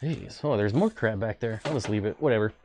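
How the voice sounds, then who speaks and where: A man's voice: lowish voice, brisk, darkish tone, a little hiss or hum. A man hosting a casual fish-keeping stream, rambling with jokey, self-deprecating asides. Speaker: aquarium channel host. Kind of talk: casual livestream chat.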